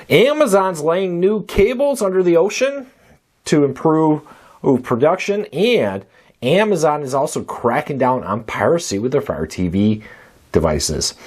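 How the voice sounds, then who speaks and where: Husky man hosting a news roundup. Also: mid-range voice, a little mellow. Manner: brisk, conversational delivery with rising emphasis. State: weak post-cold voice. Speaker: host.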